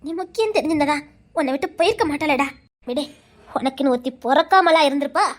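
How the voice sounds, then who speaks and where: A woman's voice: high voice, animated, fast. A woman playing a loving old grandmother who consoles her grandson, speaking with a Tirunelveli accent in an earnest, reassuring way. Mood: consoling. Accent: Tirunelveli Tamil. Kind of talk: village comedy drama acting.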